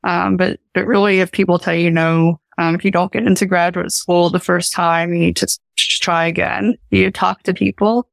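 This young woman, a professor and research scientist from Appalachia, answers a podcast interviewer earnestly and informally in her regional accent. She speaks at a moderate pace with few pauses, and her fairly low, creaky voice keeps a level tone in a dry recording.

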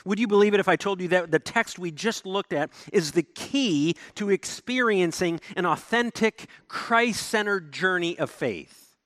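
A man preaching a sermon as pastor, animated, swinging between emphatic declarations and low, quiet lines. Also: unhurried, few pauses, dry recording, studio quality.

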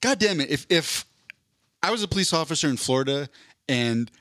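A man co-hosting a podcast in casual chat, animated and laughing as he riffs on stories. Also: fairly high pitch, fairly quick, no room sound, studio quality. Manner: animated, laughs, acts out quotes. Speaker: podcast co-host.

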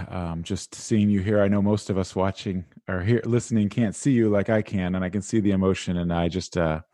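A man speaking as a podcast guest about teenagers, in a casual, animated way. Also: deep voice, dry recording, clean studio sound. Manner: casual and animated, many "like" fillers. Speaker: guest, school resilience speaker. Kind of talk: conversational interview.

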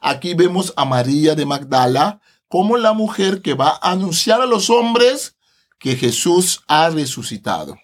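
A man's voice: a little high, big pitch swings, a little slow. A man, a Bible translator guest on a podcast, explaining scripture animatedly, laughing often and tagging his phrases with a questioning "no".

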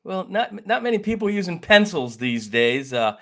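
A man's voice: high-pitched, big pitch swings, moderate pace, gravelly, very noisy. A man hosting a sports podcast in a folksy, rambling way, with many fillers and restarts. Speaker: podcast host. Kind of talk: casual sports podcast chat.

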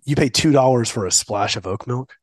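A man's voice: medium pitch, brisk, husky, no room sound. Teasing male podcast co-host, dry mic. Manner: teasing, playful, breaks into bursts of exaggerated enthusiasm. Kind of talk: casual chat.

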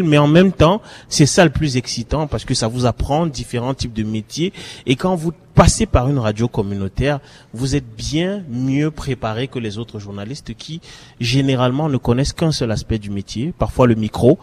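Man from Cameroon, radio journalist, panel moderator, animated, calls students by name. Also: medium pitch. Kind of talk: live radio round-table with students.

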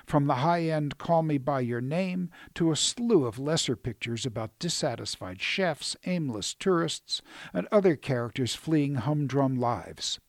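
A man's voice: fairly high pitch, lively intonation, measured pace, no echo. A man delivering a scripted radio film review in a dry, wry, critical manner.

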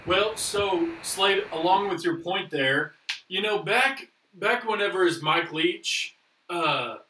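A man's voice: on the high side, pushed and bright, a little hiss or hum. A man co-hosting a podcast, rambling through casual sports talk with lots of fillers. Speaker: podcast co-host. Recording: echoey room, distant mic.

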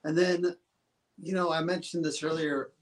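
A man's voice: fairly high pitch, fairly even intonation, normal speed. A man hosting a podcast, asking questions in a casual, affirming way. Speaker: podcast host. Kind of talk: podcast interview.

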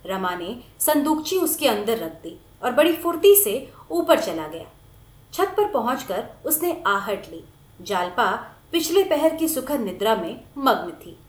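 A woman reads a novel aloud with expressive storytelling, her voice high and lively. The recording rings with room echo. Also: unhurried. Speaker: narrator. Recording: echoey room.

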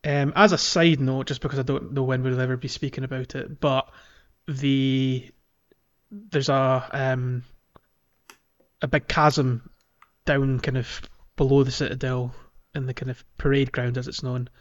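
A podcast host with a mid-range, level voice talks at a measured pace about gaming in a casual, rambling, explanatory way. The sound is dull and lo-fi.

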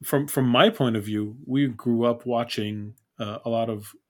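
A man from Canada hosting a casual podcast interview. His voice sits at an ordinary middle pitch. He talks in a friendly, easygoing way, laughs easily, and leads with open questions. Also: fairly even intonation, unhurried. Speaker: podcast host.

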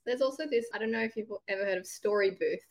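Woman cohost, kinda hoarse from being sick, chatty and upbeat, says like a lot. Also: mid-range voice, fast. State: hoarse from a cold. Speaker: podcast co-host. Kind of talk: casual podcast chat.

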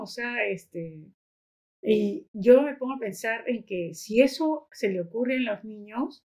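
A woman's voice: mid-range voice, darkish tone, breathy edge. A woman, a guest on a podcast, chatting casually and telling stories while tagging her sentences with little questioning asides. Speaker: guest, educator and activist.

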